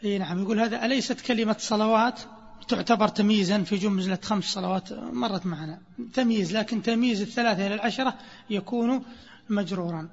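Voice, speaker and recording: A man teaching a grammar lesson, quizzing his students and drawing phrases out slowly. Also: high voice, slightly rough. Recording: muffled lecture recording in a reverberant hall.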